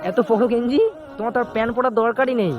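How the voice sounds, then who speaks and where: A man vlogging in the street, gently coaxing and soothing a small child while making emotional asides to a friend. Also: very high-pitched, steady tone, racing, narrow, tinny audio. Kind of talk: street vlog talking to a child. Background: music.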